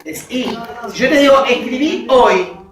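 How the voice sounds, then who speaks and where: A woman lecturer walks through her material at an unhurried pace, spelling things out one step at a time. Her voice carries the echo of a classroom and sounds picked up from some distance away. A faint hiss sits under the recording. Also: high voice, lively intonation, crowd noise. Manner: slow, methodical, checks in with students. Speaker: university lecturer. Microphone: distant recorder in the room. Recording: echoey classroom recording from afar.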